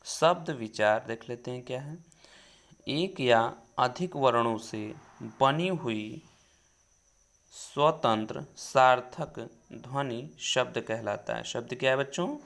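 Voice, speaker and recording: Male teacher reading out grammar definitions, slow and patient, repeats each line. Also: medium pitch, vocal fry, fairly bright tone. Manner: slow, repeats definitions, calls students "children". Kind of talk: Hindi grammar lesson.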